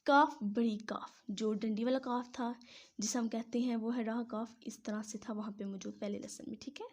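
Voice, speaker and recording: A woman patiently teaching how to join Arabic letters, step by step, pausing often to check in. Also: a little high, steady tone. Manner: patient, says "theek hai" between each step. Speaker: Quran teacher. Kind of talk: step-by-step writing lesson.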